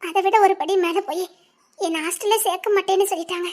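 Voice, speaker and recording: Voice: very high voice, steady tone, quick pace. A performer voicing an anxious young wife and former medical student with a Tirunelveli Tamil accent in a dubbed family drama, speaking with worry and earnestness. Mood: earnest. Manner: worried, earnest, talking plainly about past hurt.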